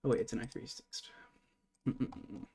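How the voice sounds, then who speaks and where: A man's voice: medium pitch, slow pace. A man streaming live while programming, thinking aloud in a casual, muttering way and swearing now and then.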